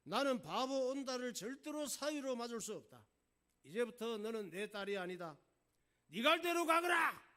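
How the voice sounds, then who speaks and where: A male pastor voicing an irritable old king who shouts and scolds his daughter while telling a story in a sermon. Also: extremely high pitch, sing-song, moderate pace, pitched above the performer's own voice, heavily acted. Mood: angry scolding. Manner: bellowing, scolding.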